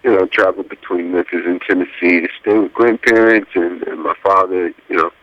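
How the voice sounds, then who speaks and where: A man from Chicago answering radio interview questions in a hesitant, halting way with many fillers. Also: sits low, fairly even intonation, dull audio. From Chicago, USA. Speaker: guest, graphic designer.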